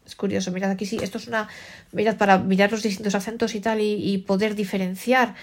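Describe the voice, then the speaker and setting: A woman's voice: medium pitch, little pitch movement, fast talker. A woman with a Spain Spanish accent giving a casual, chatty spoken tutorial, talking straight to her listeners. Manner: chatty, talks over the screen reader, addresses listeners directly. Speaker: tech tutorial presenter.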